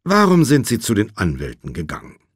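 Ein Mann spielt einen bohrenden Anwalt im Kreuzverhör. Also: male voice, lowish voice, huge pitch swings, fairly quick, breathy edge, dry recording, studio quality, exaggerated voice. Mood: pressing. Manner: insistent, cross-examining. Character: sharp, pressing male lawyer, relentless questioner.

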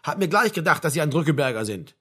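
A man voicing a blunt, mocking old male doctor with a gruff, brusque manner. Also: fairly high pitch, sing-song, fast talker, a bit bright, full character voice. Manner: gruff, brusque, with a bleating laugh.

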